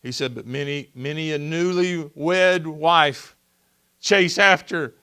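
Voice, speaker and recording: A man preaching a sermon in a church, animated and talkative, often putting questions to the congregation and slipping into the voices of the people he tells about. His voice sits high for a man and sounds bright and forceful. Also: slow, clear, resonant tone. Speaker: pastor. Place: church sanctuary.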